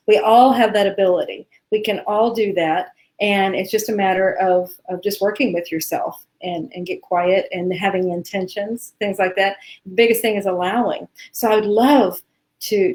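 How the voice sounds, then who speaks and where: A woman in her sixties co-hosting a live Q&A, talking in a relaxed, rambling way. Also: mid-range voice. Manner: relaxed, rambling, gentle laughs. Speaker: co-host. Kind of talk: casual conversation on a live Q&A.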